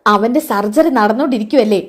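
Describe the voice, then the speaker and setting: A gentle husband coaxing his wife to stop crying, soft and soothing, as a woman puts him on. His lines come out plain and kind. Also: on the high side, a little fast, close to an everyday voice.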